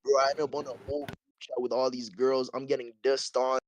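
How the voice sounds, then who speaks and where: A man's voice: mid-range voice, flat delivery, fast, no echo, dull audio. A man from the audience telling a rambling story in heavy slang. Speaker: audience member.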